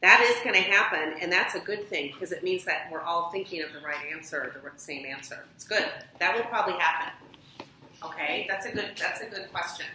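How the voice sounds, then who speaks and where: A woman's voice: lowish voice, brisk, pushed and bright, a little hiss or hum. A woman teacher giving patient classroom instructions, prompting her pupils with questions. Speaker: elementary school teacher. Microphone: distant room mic. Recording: echoey classroom from far off.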